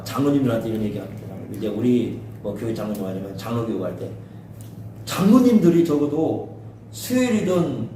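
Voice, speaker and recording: A man's voice: mid-range voice, mellow. A man teaching a Bible study as a pastor, asking his listeners questions and acting out quotes in a raised voice. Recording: very echoey room, speaker far from mic, faint hiss.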